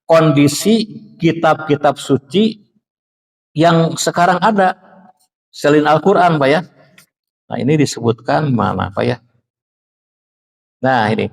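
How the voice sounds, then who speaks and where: A man with a Sundanese accent giving a conversational religious lecture in a mosque, often addressing the listeners directly and reciting verses slowly. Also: a little high, gravelly, big-room sound. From Indonesia. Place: mosque hall.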